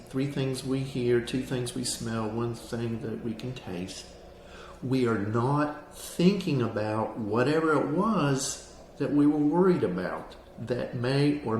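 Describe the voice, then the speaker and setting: Calm male counselor in an echoey room. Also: mid-range voice. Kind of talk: explanatory lesson on anxiety grounding, spoken to camera. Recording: roomy echo with faint background noise.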